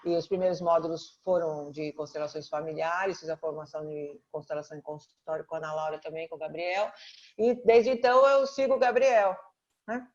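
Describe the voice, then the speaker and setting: Chatty excited woman on a kinda muffled video call, therapist intro. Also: low voice, brisk. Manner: enthusiastic, chatty. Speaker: integrative therapist. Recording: dull, lo-fi call audio.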